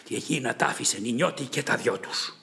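A man voicing an angry king who shouts and scolds from his chariot in an epic poem reading. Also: medium pitch, expressive, creaky.

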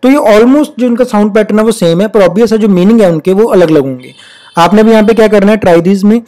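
A teacher gives a spelling lesson, reading rules slowly and deliberately, repeating example words, and explaining at a patient, steady pace. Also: mid-range voice. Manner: reads English rules out slowly and deliberately, then explains in Hindi. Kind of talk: recorded classroom-style lesson.

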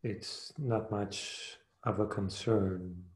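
In a low voice, a male meditation teacher guides listeners with calm, short phrases delivered at a very slow, even pace. Long silences fall between the lines, and the space rings with a noticeable echo.

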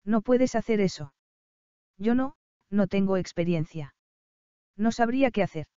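A heartsick young bride speaks soft and hesitant, as a woman narrator reads her. The voice is warm and smooth, and the recording is dull and dry. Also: medium pitch, expressive, unhurried, no room sound, lightly acted. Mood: troubled.

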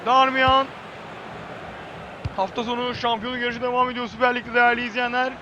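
Screaming high-pitched male football commentator. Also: normal speed, lo-fi sound, noisy background. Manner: excitable, screams player names at big moments. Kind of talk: live football play-by-play commentary.

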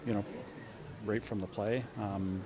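A middle-aged man, a head coach, answering reporters after a game in a measured way, often restarting his sentences. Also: lowish voice, level tone, darkish tone. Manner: measured, frequent restarts and repeated words. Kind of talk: postgame press conference. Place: indoor media room before a sponsor backdrop. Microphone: cluster of handheld reporter mics.

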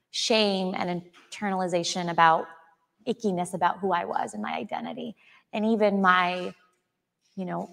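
A woman's voice: medium pitch, gravelly, a bit bright. A woman in her thirties, originally from Chile, speaking earnestly as an author guest in an onstage interview before an audience. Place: auditorium stage before an audience. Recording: hall with long reverb.

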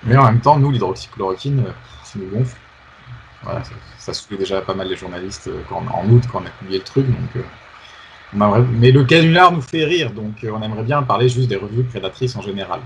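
A man's voice: on the low side, fast, slight background noise, low-quality recording. A male researcher answering interview questions in a conversational way, hesitant, with many fillers and restarts. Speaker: researcher guest.

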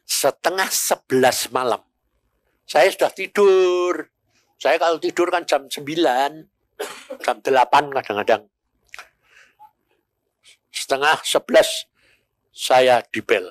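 A man's voice: mid-range voice, no echo. An older man, preaching a sermon and telling a story, acting out the voices of the people in it. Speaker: pastor.

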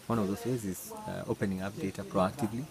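An older man, a research institute director, giving a measured interview answer outdoors in a banana field with many fillers. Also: lowish voice, steady tone, creaky, a crowd in the background. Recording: loud outdoor noise with insects and vehicles.

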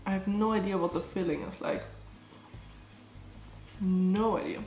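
Speaking in a mid-range, darkish voice with a steady tone and slightly slow pace, a young German food vlogger with an allergy-blocked nose tastes snacks and chats away, peppering her talk with "like" and "um." She's in a small cottage room, filmed close up by a camera in front. The low-quality recording sounds roomy, with soft music in the background.

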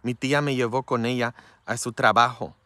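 Male priest, native Polish, mid-pitched; candid, affectionate sermon delivery with "mm?" tags; dry room. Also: steady tone, moderate pace, bright, forceful tone, no room sound. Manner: frank and tender, with constant "mm?" tag questions. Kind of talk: informal preaching talk.

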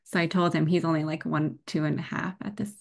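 A young woman guest on a podcast, telling her birth story in a chatty, animated way, full of "like" and laughter. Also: low-pitched, a little fast, vocal fry. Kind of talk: casual birth story told in an interview.

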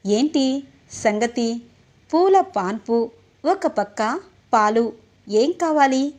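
A woman's voice: on the high side, lively intonation, takes it slowly, a little mellow. A woman reading the part of a playful, devoted young wife in a retold serial scene. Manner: teasing, then tender.

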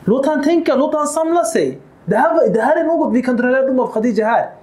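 A man giving a religious lecture, animated and acting out quoted dialogue, with Arabic quotations mixed in. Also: very high-pitched, echoey room. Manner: mixes Arabic quotations into Swedish. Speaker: Islamic lecturer. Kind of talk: lecture on the life of the Prophet.

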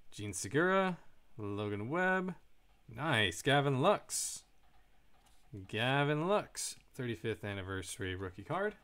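Male host, mid pitch, casual card-break commentary, reads names and answers chat. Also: very animated, slow pace, pauses often, fairly bright tone.

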